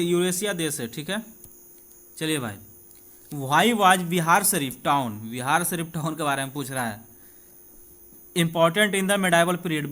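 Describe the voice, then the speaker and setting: Slightly high-pitched and fairly bright, this man's voice carries a Bihari accent. He's teaching an informal exam-prep class, working through quiz questions and their answers while conversationally checking in with the students over and over.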